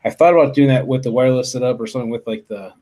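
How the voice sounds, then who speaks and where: A man's voice: medium pitch, very fast, dark tone. Guy rambling on his live stream into a desk mic, lots of ums and restarts, cusses a bit. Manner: rambling, full of fillers and restarts, mild swearing. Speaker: livestream show host. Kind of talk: casual live-stream chat. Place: home office. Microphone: desktop USB studio mic.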